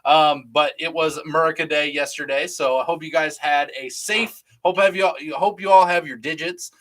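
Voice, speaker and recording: A man's voice: fairly high pitch, steady tone, moderate pace, a bit bright, rough recording. A man co-hosting a live drinks show, teasing his partner and reading out viewer comments in casual banter. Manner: teasing, joking, reads viewer comments aloud. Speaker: co-host of a live rum show.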